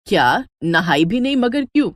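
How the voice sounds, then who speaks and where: A woman's voice: medium pitch, sing-song, normal speed, dry recording, studio quality, lightly acted. A woman voicing a fierce, jealous middle-aged mother-in-law in a cartoon, scolding and bossy.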